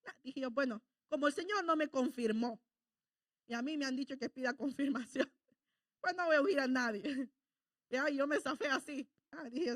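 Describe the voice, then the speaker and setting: A woman preaches a sermon in a high voice. She tells personal stories and acts out the lines of God and the devil. The sound is dry and close. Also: a bit bright, dry recording. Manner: asks the congregation for agreement.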